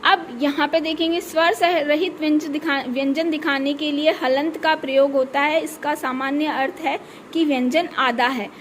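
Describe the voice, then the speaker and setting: A woman's voice: sits high, steady tone, moderate pace, a little hiss or hum. A woman teacher explaining a grammar lesson step by step, often checking in with her class. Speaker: school teacher.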